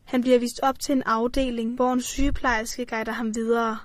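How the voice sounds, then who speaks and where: Flat, measured documentary narrator woman. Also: a little high, dry recording. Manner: even, measured delivery.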